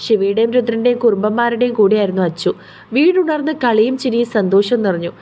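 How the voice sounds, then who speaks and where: A Malayali woman narrating a scripted audio love story in a steady storytelling manner. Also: fairly high pitch, fast talker.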